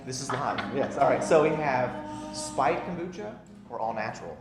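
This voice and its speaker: A man's voice: mid-range voice, lively intonation, normal speed, roomy sound, over music. A realtor hosting a casual interview show, an upbeat and enthusiastic man who talks straight to his viewers.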